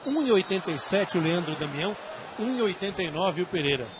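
A man's voice: high-pitched, lively intonation, fairly quick. A Brazilian man analysing a live football match in an emphatic, explanatory way. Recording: dull broadcast audio with stadium noise.

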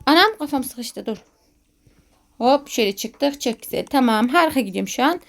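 Woman, high pitch, casual gaming commentary, jumpy and giggly, shrieks at scares. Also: lively intonation, normal speed, creaky. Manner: jumpy, talks to herself, laughs often, shrieks when scared. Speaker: gaming video host. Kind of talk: excited gameplay commentary.

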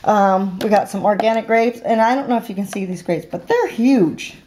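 At home in her kitchen, a middle-aged woman vlogs a grocery haul, filming the counter with a handheld camera. Her medium-pitched voice is animated and a little mellow, at normal speed, and her show-and-tell narration is casual and chatty, full of ums and uhs. There's slight background noise.

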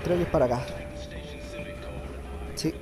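A young man with a Chilean accent commenting on a game playthrough, nasal from a cold, joking crudely and breaking into loud swearing yells. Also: a little high, measured pace. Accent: Chilean Spanish. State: has a cold, slightly nasal. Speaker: gameplay commentator. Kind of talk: casual let's-play commentary. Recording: game music playing behind.

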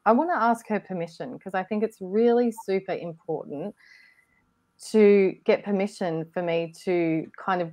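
A woman co-hosting a casual online discussion, reflective and gently encouraging, often restarting her sentences. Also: low voice. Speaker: co-host. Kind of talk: casual group discussion on a video call.

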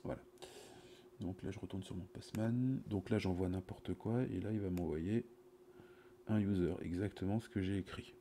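A middle-aged man giving a casual, improvised live coding commentary, halting and muttering to himself as he works, recorded on a cheap USB mic. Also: sits low, mellow, slight background noise. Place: small indoor room at a computer. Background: computer keyboard typing.

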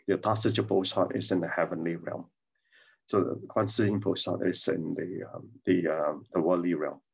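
A man's voice: deep voice, gravelly, husky. A man giving a reflective dharma talk over a video call, hesitant, with many fillers and restarts. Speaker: dharma sharer.

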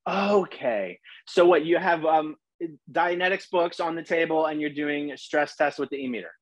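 A man's voice: on the high side, normal speed, dry recording. Man asking probing follow-up questions. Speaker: host and interviewer. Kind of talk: conversational interview questions. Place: living room, on a leather couch, indoors. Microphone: video call, laptop camera mic.

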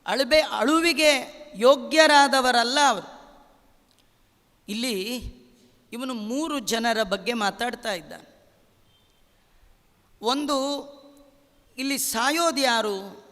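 A man giving a slow, emphatic devotional discourse on scripture, asking rhetorical questions as he teaches. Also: very high-pitched, bright, forceful tone. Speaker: religious teacher. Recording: long hall reverb.

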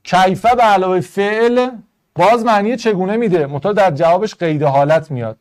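A man teaching an online Arabic grammar class in Persian, going briskly through test answers and rules, step by step. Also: high voice. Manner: brisk, explaining step by step to students.

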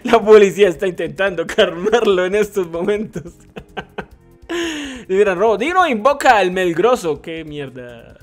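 A man streaming a retro shooter live, excitable and swearing, reading chat messages aloud. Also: high-pitched. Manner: excitable, swearing, laughing, mixing English slang. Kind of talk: live gameplay commentary.

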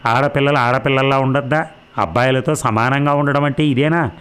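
A man's voice: mid-range voice, steady tone, brisk, a bit bright, clean tone, natural voice. A man voicing an indignant, stubborn middle-aged mother in a read-aloud novel, firing off scolding questions.

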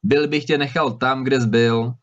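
A man's voice: medium pitch, fairly even intonation, close to an everyday voice. A man voicing a bold, clever young male student who answers fearlessly in a storybook reading. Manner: fearless, quick-witted. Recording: slightly dull recording.

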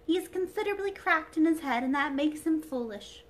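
A tiny porcelain princess, played by a woman reading a storybook aloud, speaks in a high, fragile little voice. She is prim and easily frightened, as if she might break. Her tone is delicate and proper. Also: animated, a little fast. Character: timid dainty china doll princess.

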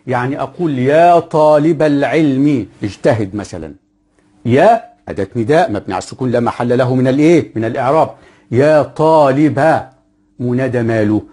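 A man with an Egyptian Arabic accent teaching a grammar lesson, asking his own questions and then answering them, and slowing down to spell out example phrases. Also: medium pitch, mellow, breathy edge.

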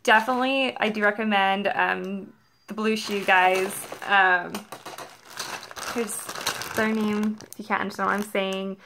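Bright, creaky-voiced young American woman. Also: mid-range voice, measured pace, a little hiss or hum, low-quality recording. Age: young adult. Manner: rambling, animated storytelling with frequent "like". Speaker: vlogger reviewing a product. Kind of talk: casual chatty review to camera. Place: carpeted living room at home.

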